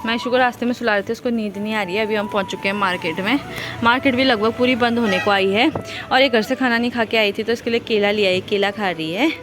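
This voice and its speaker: A woman's voice: on the high side, fast, over music. A young woman narrating a casual family vlog, often switching into coaxing baby talk with her toddler. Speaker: vlogger, mother.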